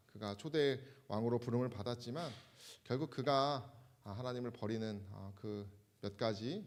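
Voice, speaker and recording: A male pastor giving a Bible lecture sermon to his congregation in a measured, explanatory way while referring to slides. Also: fairly low pitch, a little mellow. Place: church.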